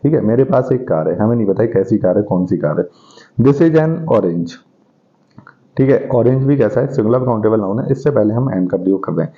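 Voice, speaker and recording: A man with a lowish voice and lively intonation teaches English grammar step by step, asking questions and answering them himself. He reads the English example sentences slowly, and the recording is dull and lo-fi.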